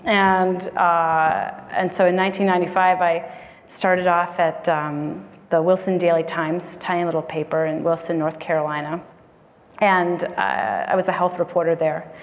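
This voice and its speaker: An American medical writer in her thirties chats as a guest on a live podcast, laughing often and using plenty of fillers. Her voice is fairly low with a level tone and normal speed. She's on a conference stage before an audience, picked up by a lapel mic with long hall reverb.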